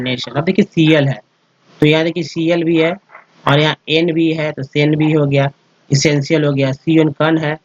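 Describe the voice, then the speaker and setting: Higher-voiced man teaching step by step. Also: muffled recording, a little hiss or hum. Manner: explains step by step, repeats words and spells letters out; addresses viewers as friends, checks with "ठीक है". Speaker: English teacher. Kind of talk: spoken slide lesson.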